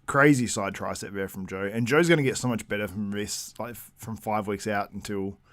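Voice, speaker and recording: A low-voiced man hosting a live-stream watchalong in a casual, chatty way. He reads out viewer comments and laughs often. The sound is dry and close, with no room echo. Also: fairly quick, a bit bright. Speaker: livestream host.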